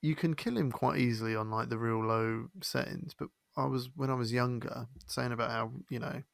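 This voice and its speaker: A man chatting casually as a podcast co-host, telling animated stories. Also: mid-range voice, moderate pace, creaky, no room sound. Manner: animated storytelling, quotes others. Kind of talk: casual chat.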